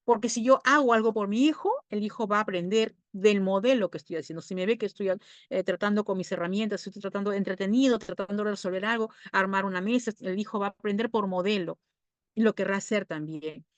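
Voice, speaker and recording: A fast-talking woman at medium pitch, with no echo, addresses parents informally as a child psychologist. Her Peruvian Spanish accent comes through as she talks conversationally, frequently tacks on "¿no?", and briefly plays out scenes of parents and children.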